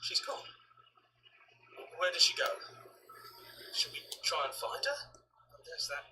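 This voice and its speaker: A man's voice: fairly high pitch, sing-song, takes it slowly, recorded from a distance, background noise. A man voicing an anxious, squeamish, pleading inner voice of a hero in a video game. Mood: uneasy, bewildered. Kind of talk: dramatic video game voice acting.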